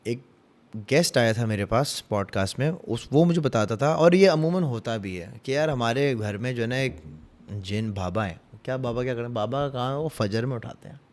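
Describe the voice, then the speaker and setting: A man with a Pakistani Urdu accent telling ghost stories as a podcast guest, animated and dramatic, dropping to hushed tones. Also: medium pitch, moderate pace. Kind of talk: casual storytelling.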